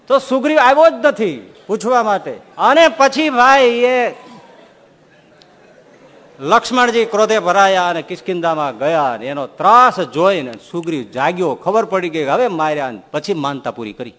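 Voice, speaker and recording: Male swami, humorous storytelling sermon, higher voice, echoey hall. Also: animated, normal speed. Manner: humorous storytelling, swings between soft and loud. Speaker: swami giving a scripture discourse.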